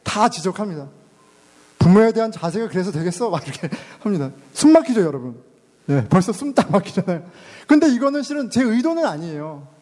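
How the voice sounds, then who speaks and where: A man's voice: high voice, sing-song, a little fast, a little mellow. A man in his thirties, a father and pastor, preaching a sermon in a chatty way and putting questions to the congregation. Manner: conversational, asks the congregation questions.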